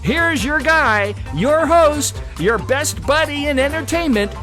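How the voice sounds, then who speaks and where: Female intro announcer, high and unhurried, music bed under her. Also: expressive, a bit bright. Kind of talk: recorded show intro.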